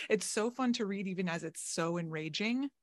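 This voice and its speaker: A woman's voice: medium pitch, no room sound. A woman hosting a book interview, talking in an enthusiastic, gushing way. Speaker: podcast host. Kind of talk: friendly interview chat.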